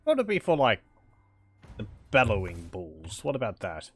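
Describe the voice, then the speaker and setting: A man giving casual, halting gameplay commentary, thinking aloud as he chats with his viewers. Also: lowish voice, wildly swooping pitch, breathy edge. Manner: musing aloud, chuckling, halting. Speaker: video game streamer. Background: game music.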